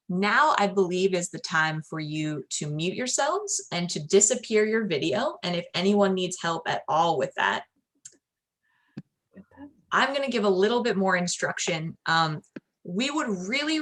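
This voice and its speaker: A woman's voice: on the low side, a bit bright. A woman hosting a video call, upbeat and welcoming as she greets arriving guests. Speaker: event host.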